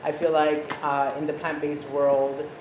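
A man in his thirties, born in Ecuador, explaining a recipe as a chef in a relaxed, explanatory way with many fillers, recorded by a far camera in a home kitchen. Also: on the high side, a little slow. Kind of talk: cooking demonstration chat. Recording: echoey kitchen with background noise.

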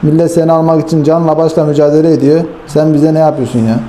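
A man doing lively football-game commentary, his voice a little higher than most men's but dark and mellow in tone. He talks straight to his viewers like friends, jumping between hype and irritated grumbling. A faint hum sits under the recording. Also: fast. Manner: excitable, swings from hype to frustrated grumbling. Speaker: gaming YouTuber.

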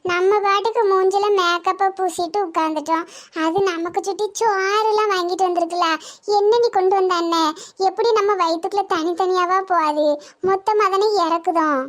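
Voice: very high-pitched, steady tone, a little fast, a bit bright. A voice actor playing a chatty village woman in a cartoon comedy.

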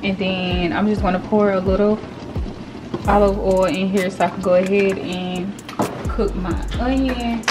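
A woman's voice: medium pitch, fairly even intonation, measured pace, background noise. A young woman, chatting casually to viewers while she cooks in her home kitchen. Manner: chatty, loose and informal, talks straight to viewers. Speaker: vlogger. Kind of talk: casual cooking vlog. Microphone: camera mic, filmed by a helper. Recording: background music under the voice.

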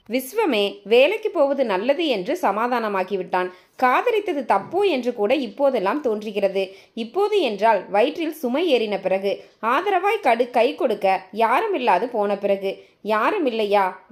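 A woman with a slightly high voice narrates a short story aloud. Her pitch moves a lot as she tells it, and she gives the characters' lines some life of their own. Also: unhurried. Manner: expressive, lively storytelling with voiced dialogue. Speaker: storyteller and channel host.

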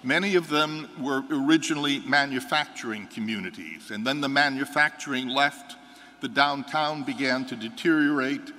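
An older American priest reading the gospel and then preaching a homily in an earnest, measured way that builds to firm conviction. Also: male voice, mid-range voice, fairly bright tone. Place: large church sanctuary, seated before an altar. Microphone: fixed microphone at the altar. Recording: church reverb from the hall.

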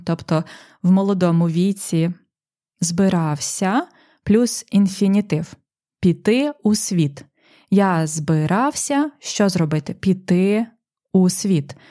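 A young adult woman hosting a podcast language lesson, explaining a poem slowly and carefully, with pauses. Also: fairly low pitch, dark tone. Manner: slow, careful, with pauses and fillers. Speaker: language teacher and podcast host.

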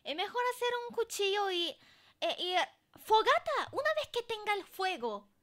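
Very high bright female streamer. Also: moderate pace. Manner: excitable and chatty, laughs often. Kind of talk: casual live-stream chat while gaming.

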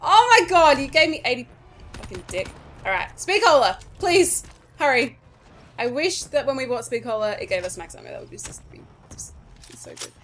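A woman's voice: a little high, wildly swooping pitch, fairly quick, a bit bright, a little hiss or hum. Nervous, swearing woman gaming streamer. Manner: nervous, swearing, pleading with the game. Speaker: gaming YouTuber. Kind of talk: casual gameplay commentary.

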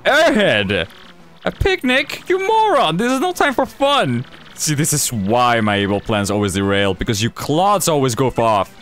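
A man's voice: fairly low pitch, lively intonation, moderate pace, hardly any pauses, a bit bright. A man voicing a bossy, impatient male Koopa king villain who hurls insults at his minions. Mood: furious. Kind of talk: voicing game dialogue.

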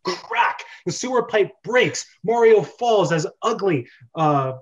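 A man in his thirties hosts a script read-through over a video call from his bedroom, reading screenplay directions aloud between bits of casual chat. His voice is high-pitched and expressive, his pace slow, and the recording sounds muffled.

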